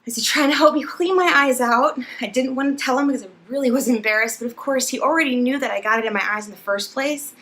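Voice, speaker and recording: A young woman vlogger telling an embarrassing story to camera, animated and laughing as she acts it out. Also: high voice, quick pace, few pauses.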